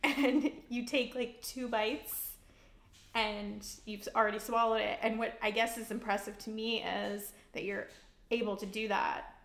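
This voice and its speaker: A woman co-hosting a podcast, teasing and animated in casual storytelling. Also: a little high, measured pace. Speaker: podcast co-host. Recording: roomy echo.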